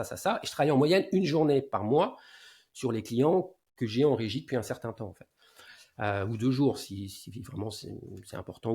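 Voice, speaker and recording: A man in his forties talks through his work habits in a casual interview. His voice sits at an ordinary middle pitch. He gives advice in a low-key way, and his phrases often trail off softly at the end. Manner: explains at length in a low-key advising tone, often trailing off quietly. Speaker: guest SEO consultant.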